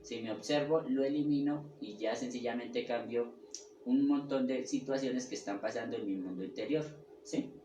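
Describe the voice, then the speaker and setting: A spiritual teacher with a mid-range voice lectures on the ego and personality, halting, restarting and repeating words as he goes while often checking in with his listeners. The recording is echoey, with the mic far away and faint ambient noise in the room.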